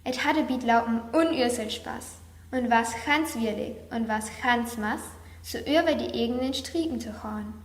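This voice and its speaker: A woman reciting a rhyming poem in a slow, careful way. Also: a little high. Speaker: reader. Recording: roomy echo.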